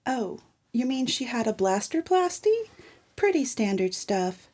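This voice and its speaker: A woman playing a prim, matter-of-fact librarian in a comedic noir audio drama, with a mellow voice. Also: fairly high pitch, sing-song, measured pace.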